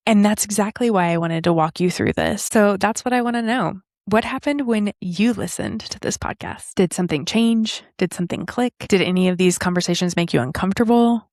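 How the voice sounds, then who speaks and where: A woman hosting a podcast and speaking in an earnest, reflective way. She slows down to stress key lines. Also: mid-range voice, darkish tone, no echo, clean studio sound. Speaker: podcast host.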